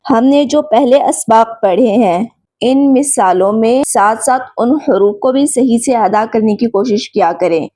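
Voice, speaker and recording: A woman teaching Quran pronunciation, slowly sounding out letters and explaining recitation rules in a patient, deliberate way. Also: on the high side, dark tone, no room sound. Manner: clear, deliberate syllable drills with patient explanation. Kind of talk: slow, drilled tajweed lesson.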